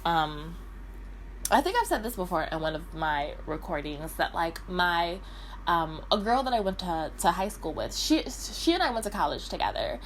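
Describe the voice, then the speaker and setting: A young woman rants through a casual storytime, peppering every line with "like" and swear words. Her pitch swoops up and down all over the place, and there's a faint hum of room ambience behind her. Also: lively intonation. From Detroit, Michigan. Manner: profane, fast valley-girl chatter with frequent "like" and laughs. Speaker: vlogger.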